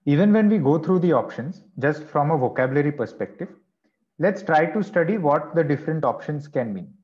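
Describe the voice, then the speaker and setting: A man's voice: fairly high pitch, expressive. A male teacher leading an online class, explaining word meanings step by step and checking in with the students. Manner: explains slowly, checks in with "okay" and "right". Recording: dull lo-fi online class audio.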